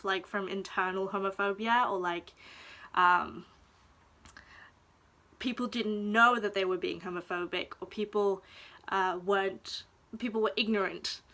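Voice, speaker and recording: Slow, reflective young woman vlogger. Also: mid-range voice, pushed and bright. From Denmark. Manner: hesitant and reflective, pausing often to find words. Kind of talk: personal confessional vlog talk.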